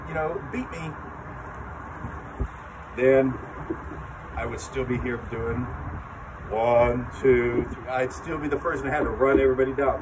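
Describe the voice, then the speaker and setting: An older man with grandchildren leading a lively children's sermon outdoors, talking straight to the kids as he tells a story. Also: mid-range voice. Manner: animated storytelling, talks to children. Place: outdoor covered chapel area. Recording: distant mic with traffic noise outdoors.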